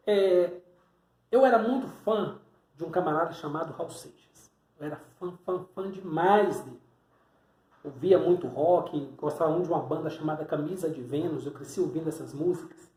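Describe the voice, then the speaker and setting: A man's voice: fairly high pitch, darkish tone. A man from Salvador, Bahia, preaching a teaching sermon, explaining symbols on a board step by step and posing rhetorical questions. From Salvador, Bahia, Brazil. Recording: echoey room.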